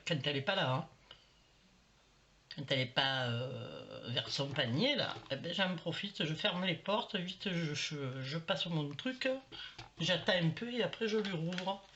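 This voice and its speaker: A woman's voice: fairly low pitch, fairly bright tone. Chatty rambling woman on a dull home recording. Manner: rambling and chatty, full of "euh" and "voilà" fillers. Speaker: vlogger showing a shopping haul. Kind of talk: casual haul chat to camera. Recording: slightly dull home recording with faint noise.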